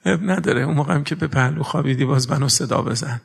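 A man's voice: medium pitch, fairly even intonation, creaky, husky. A man preaching a religious sermon with earnest rhetorical questions, moving between formal phrasing and everyday speech. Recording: long reverb of a large hall.

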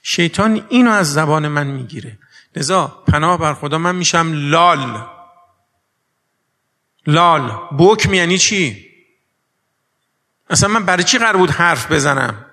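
A man's voice: a little high, expressive, bright, forceful tone. A man preaching a religious sermon with earnest rhetorical questions, moving between formal phrasing and everyday speech. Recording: long reverb of a large hall.

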